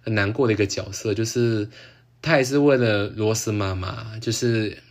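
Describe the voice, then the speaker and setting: Chatty Taiwanese man, slightly low voice. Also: moderate pace. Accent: Taiwanese Mandarin. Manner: chatty and excitable, laughing often, exclamations like "wa". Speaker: podcast host. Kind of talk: casual solo chat about a TV drama.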